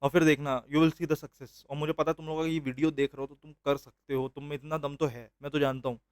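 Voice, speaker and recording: A man's voice: fairly high pitch, flat delivery, a little fast, clean tone, dry recording, studio quality. A young man teaching a trading course in a casual, encouraging way, mixing English phrases into his speech. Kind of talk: casual motivational lesson.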